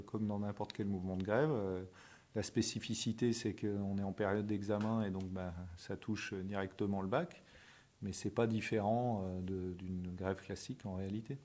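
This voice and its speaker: Low-voiced male union representative. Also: moderate pace, a little mellow. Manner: firm, militant. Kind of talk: interview statement.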